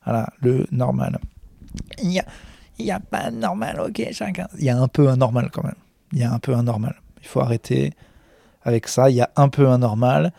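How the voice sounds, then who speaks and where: A stand-up comedian rambling backstage in a self-mocking vlog monologue, full of hesitations, into a handheld recorder. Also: male voice, mid-range voice, fairly even intonation, fairly quick, gravelly, dark tone, no room sound, clean studio sound. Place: backstage room of a comedy club.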